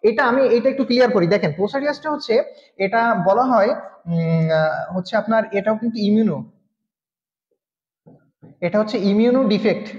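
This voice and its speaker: A man's voice: sits high, animated, fairly quick, long pauses, a little mellow. A male tutor giving a live online class, explaining step by step and often asking his students questions. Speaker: nursing exam tutor. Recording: muffled, echoey room with long reverb.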